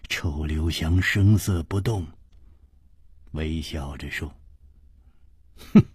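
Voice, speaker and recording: A man narrating a martial-arts story in a dramatic, lively storytelling style. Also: rumbling low, takes it slowly, breathy edge, no echo.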